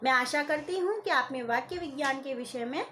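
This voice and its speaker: A woman lecturer giving a recorded lesson, explaining clearly and stressing key terms. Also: sits high, a little fast, pushed and bright, faint music behind.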